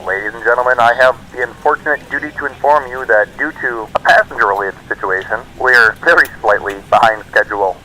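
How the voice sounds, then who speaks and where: A man's voice: mid-range voice, pushed and bright, a little hiss or hum, poor audio. A man playing an airline captain on the PA. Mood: formal. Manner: formal, measured captain's announcement tone. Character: male airline captain giving a cabin announcement. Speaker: pilot in a flight simulator.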